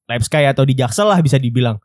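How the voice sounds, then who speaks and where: A man's voice: medium pitch, lively intonation, fast, a little mellow, no echo, studio quality. A young man with a Jakarta accent chatting casually as a host, in teasing Jakarta slang with swearing and bits of English. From Jakarta, Indonesia. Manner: teasing, joking. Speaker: podcast host. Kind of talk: casual group chat.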